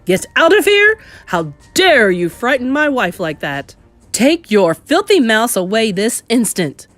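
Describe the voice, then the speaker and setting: Woman putting on a blustering, shouting father. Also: high-pitched, big pitch swings, normal speed, no echo, soft background music, pitched above the performer's own voice. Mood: blustering, outraged. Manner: loud, indignant shouting. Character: blustering, pompous middle-aged father.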